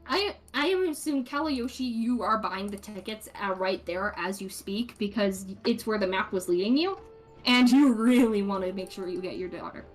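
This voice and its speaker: A woman's voice: mid-range voice, moderate pace, faint music behind. A woman running a tabletop game as game master, narrating casually and rambling through her scene descriptions. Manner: rambling, many fillers and restarts.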